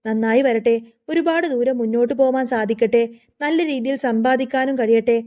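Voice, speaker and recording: A woman voicing a kindly older father who speaks in a benevolent, measured way. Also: fairly high pitch, warm tone, dull audio, natural voice. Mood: blessing.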